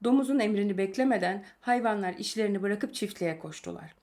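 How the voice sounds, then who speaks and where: A woman reads a novel chapter aloud at an even, middle pitch. Her delivery is calm and measured, the steady pacing of an audiobook narrator.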